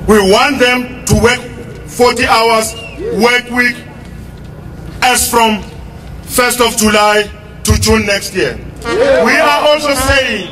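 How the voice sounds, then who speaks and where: A middle-aged South African man giving a forceful, roaring rallying speech as a union leader, with emphatic repetition. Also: extremely high pitch, slow, pauses often. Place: outdoors in a street crowd outside a building. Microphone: handheld microphone, filmed from some metres away. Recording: distant outdoor PA, crowd and vehicle noise.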